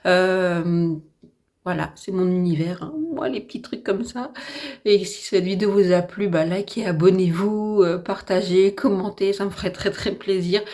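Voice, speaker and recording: A slightly hoarse woman with a French accent chatting casually and enthusiastically through a makeup tutorial at home, with lots of fillers. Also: fairly low pitch, fairly even intonation, moderate pace, darkish tone. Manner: chatty, enthusiastic, repeats herself with many fillers. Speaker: beauty vlogger. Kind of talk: casual get-ready-with-me makeup chat.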